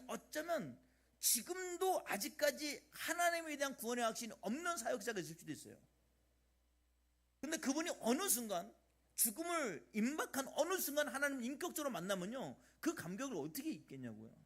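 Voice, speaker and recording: A middle-aged man preaching a sermon as pastor of a church, animated, swinging between loud emphasis and quiet asides. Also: very high-pitched, fairly quick. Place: church sanctuary.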